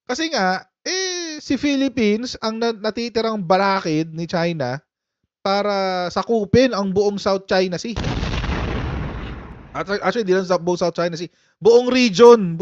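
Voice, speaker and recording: A man's voice: high voice, clear, resonant tone, no echo. A man hosting a casual live-stream political commentary, chatty and laughing often as he talks to his viewers. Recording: dull, muffled lo-fi sound.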